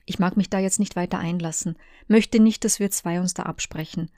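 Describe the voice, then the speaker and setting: A woman reading the messages of a conflicted woman, in a hushed, partly whispered delivery. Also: on the low side, steady tone, a little fast, no echo, studio quality, lightly acted. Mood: tense. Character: Ines, a torn woman, former lover.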